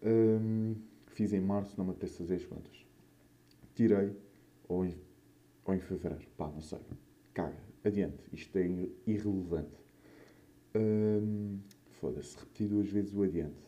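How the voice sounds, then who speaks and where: Speaking in a low, warm, steady voice, this young adult host takes things a little slowly, leaving long pauses. He has a European Portuguese accent and chats alone on his podcast or vlog, wandering through stories with slang and curses while his mouth is slightly swollen from wisdom tooth removal.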